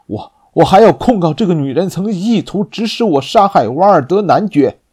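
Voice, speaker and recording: A man's voice: sits high, lively intonation, moderate pace, mellow, husky, voice pushed up. Agitated young swordsman, raised and stammering, voiced by a male reader. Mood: accusing. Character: young hot-headed swordsman accusing.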